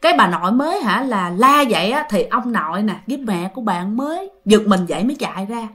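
A woman's voice: medium pitch, expressive, fairly quick, a bit bright. A woman telling a ghost story in a chatty way, talking directly to her listeners. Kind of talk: casual ghost-story narration.

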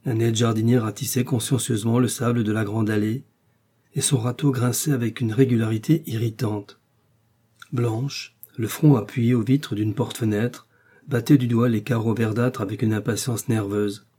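Dark, husky male audiobook narrator. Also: medium pitch, fairly even intonation, normal speed. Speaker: audiobook reader.

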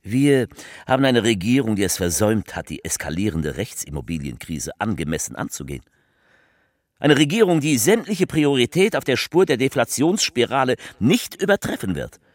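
In a theatrical radio piece, a man plays a political speechmaker addressing the people with halting, emphatic, repetitive rhetoric in a fervent, declamatory mood. His mid-range voice swings widely in pitch, and the studio-quality recording has no room sound.

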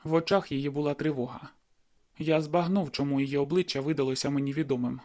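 A man's voice: fairly high pitch, steady tone, fast talker, a little mellow. A man reading a first-person novel aloud in a brooding, inward manner. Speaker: audiobook narrator. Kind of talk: first-person audiobook narration.

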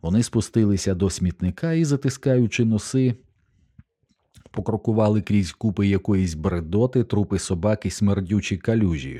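A man narrating an audiobook in a measured, steady storytelling manner. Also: low-pitched. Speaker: audiobook reader.

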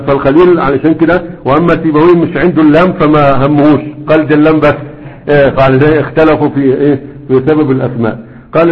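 Man, grammar lesson, rapid delivery, keeps asking "right?", muffled lo-fi recording. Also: fairly high pitch. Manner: conversational, often checks with "right?". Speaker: grammar teacher. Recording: dull lo-fi recording.

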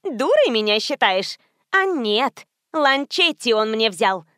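A woman voicing a loud, brash young brunette who shouts in a shrill voice. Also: big pitch swings, takes it slowly, no echo, clean studio sound, exaggerated voice. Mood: excited shouting.

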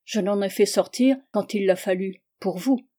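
A woman reading the part of a calm, scheming young man who speaks low and quietly insists. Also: normal speed, natural voice. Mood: cool.

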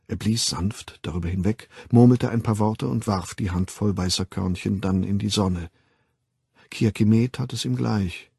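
Man, audiobook narration, measured and grave, husky, dry studio sound. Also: fairly low pitch, darkish tone, dry recording.

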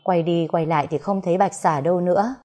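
A woman narrating an audio story in a calm, even storytelling manner. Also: fairly low pitch, fast talker.

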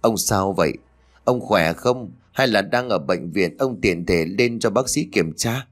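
A man's voice: fairly low pitch, lively intonation, measured pace. A man voicing a frantic, grieving middle-aged mother who pleads tearfully. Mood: worried.

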